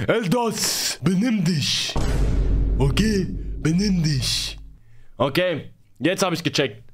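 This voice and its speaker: A man's voice: high voice, background noise. A man in his twenties reacting casually on a live stream in slangy, exclamatory German, close to a desk microphone. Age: 20s. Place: small home room, indoors. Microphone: close desk microphone, headphones on.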